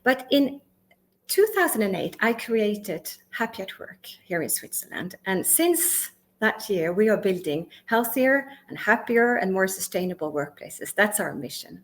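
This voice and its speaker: A middle-aged Swedish woman, a conference speaker and workplace consultant, gives a prepared conference talk in English in a medium-pitched, sing-song voice. She speaks with emphasis, poses questions to the audience, lists words one by one with pauses, and makes small grammar slips and restarts.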